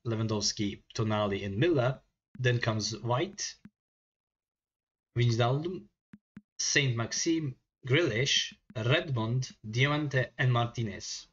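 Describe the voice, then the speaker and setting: A man reviews game players in a casual, halting way, leaning on filler sounds as he works through lists of stats. His voice sits at an ordinary middle pitch. The recording is slightly dull and lo-fi. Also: fairly bright tone.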